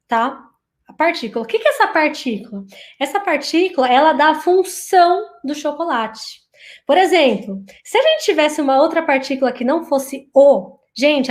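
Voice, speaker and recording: Woman, high voice, Japanese teacher, online lesson, lively, slow repeated phrases.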